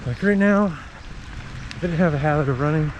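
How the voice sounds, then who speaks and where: A man with a higher-pitched voice talks at normal speed over poor audio and slight background noise. He's a running vlogger jogging outdoors in the rain, casually explaining things in short, broken phrases.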